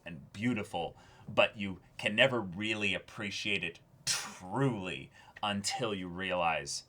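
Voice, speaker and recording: With a deep, sharp voice and an unhurried pace, this male reaction-show co-host speaks earnestly and effusively. The discussion is casual, and he frequently repeats words while reaching for what comes next.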